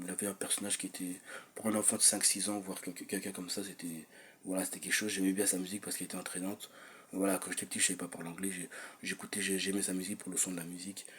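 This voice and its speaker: A man's voice: low voice, a little hiss or hum. A young man talking in a personal vlog monologue, hesitant and rambling, with many fillers and restarts. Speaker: vlogger.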